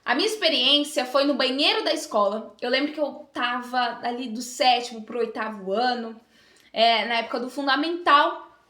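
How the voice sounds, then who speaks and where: Bright, echoey young woman telling a testimony. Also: high-pitched, normal speed. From Brazil. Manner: heartfelt, earnest storytelling with emotional rises. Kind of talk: personal testimony. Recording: echoey room with faint music.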